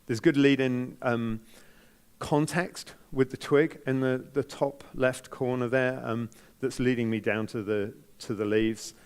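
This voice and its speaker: Male judge, broad Kiwi accent, mid-pitched voice, gentle and hesitant off-the-cuff critique. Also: steady tone, a little slow, clear, resonant tone. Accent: New Zealand. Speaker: photography competition judge. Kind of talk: spoken critique, unscripted feedback.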